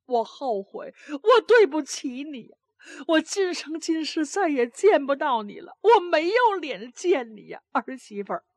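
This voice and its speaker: A woman's voice: fairly high pitch, lively intonation, a little slow, no echo, studio quality. Woman doing a wailing remorseful old grandmother. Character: grieving old grandmother, scolding then remorseful.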